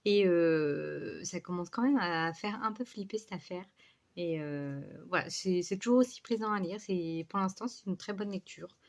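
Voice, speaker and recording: A woman's voice: on the low side, normal speed. Rambling woman vlogger with a slight lisp. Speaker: book vlogger. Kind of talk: casual vlog chat.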